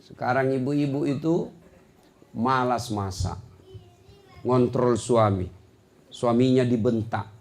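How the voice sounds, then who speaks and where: A middle-aged man preaching a humorous sermon, firing rhetorical questions at the congregation and building to shouted climaxes. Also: medium pitch, takes it slowly, long pauses. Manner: jokey, addresses the audience directly with rhetorical questions. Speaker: Islamic preacher.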